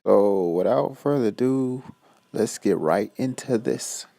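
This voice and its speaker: A man's voice: fairly low pitch, takes it slowly, vocal fry, warm tone, no echo. A man with a groggy morning voice, hosting a casual, slangy reaction commentary on videos. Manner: laid-back slangy chat.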